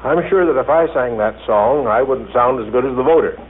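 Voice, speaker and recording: A man's voice: medium pitch, a little fast, a little hiss or hum. A man presenting a scripted radio broadcast, asking formal, polite questions. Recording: tinny 1939 radio broadcast recording.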